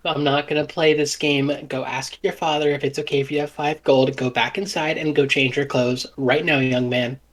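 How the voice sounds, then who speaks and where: A man's voice: flat delivery, moderate pace, hardly any pauses, slight background noise, close to an everyday voice. A man voicing a doting, tearful satyr mother, fussy and motherly, in a raised voice. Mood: scolding. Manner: fussy, high-pitched and motherly.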